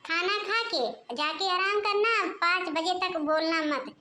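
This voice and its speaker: Woman voicing a snappy high-voiced young daughter-in-law. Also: slow, bright, forceful tone, heavily acted. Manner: snappy, scolding, sarcastic. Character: sharp-tongued young daughter-in-law, rude and impatient. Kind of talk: cartoon voice acting.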